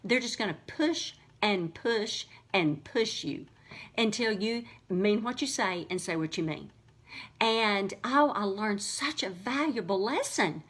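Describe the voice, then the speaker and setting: A middle-aged woman talks straight to her viewers as host of her own show. She tells her story with animated swings of pitch, often restarting her sentences as she goes. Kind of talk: casual talk to camera.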